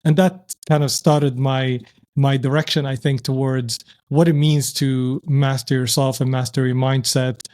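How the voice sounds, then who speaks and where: In this relaxed podcast interview, a male entrepreneur from Syria talks as a guest in a mid-range, slightly mellow voice. His delivery is flat and unhurried. Thoughtful and reflective, he frequently breaks off and begins his sentences again.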